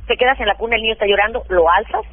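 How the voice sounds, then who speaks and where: A woman parenting expert giving practical advice in an animated, hands-on way during a radio interview, heard over a phone line. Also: a little high, rapid-fire, no room sound. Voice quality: practical, animated, acts out what mothers say.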